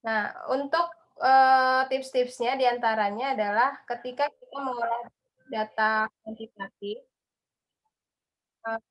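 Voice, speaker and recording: A woman's voice: fairly high pitch, fairly even intonation, takes it slowly, pauses often, low-quality recording. A woman explaining material as the speaker of an online lecture on a video call.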